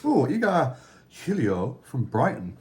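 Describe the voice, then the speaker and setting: A man's voice: mid-range voice, wildly swooping pitch, a little slow. A man chatting casually and bantering as he calls out football cards one by one as a co-host. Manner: playful, bantering. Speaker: co-host opening football card packs. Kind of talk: casual chat with card-by-card commentary.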